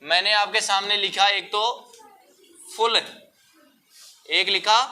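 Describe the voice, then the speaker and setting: A man's voice: sits high, steady tone, unhurried, bright, forceful tone. A young man teaching schoolchildren in a classroom, explaining patiently and mixing in English words. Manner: explains patiently, addresses pupils as beta, mixes English words. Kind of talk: classroom Hindi lesson.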